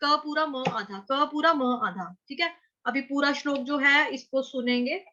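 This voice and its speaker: A woman's voice: high-pitched, measured pace, bright, forceful tone, highs cut off, slight background noise. A woman teaching Sanskrit verse pronunciation in an online class, patiently drilling syllables and chanting lines.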